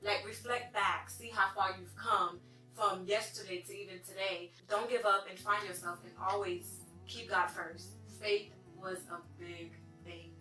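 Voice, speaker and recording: Bright earnest young woman, echoey room. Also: medium pitch, fairly even intonation, unhurried. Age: 20s. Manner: earnest, talks in 'like' and 'you know' fillers. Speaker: guest, salon owner. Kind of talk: casual interview chat. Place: hair salon. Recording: echoey room, mic at a distance, faint music.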